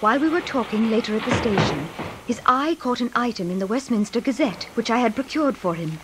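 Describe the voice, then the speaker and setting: A woman's voice: fairly high pitch, animated, a little fast, background noise, natural voice. An actress playing a devoted, anxious young wife, narrating her diary tenderly in a radio drama.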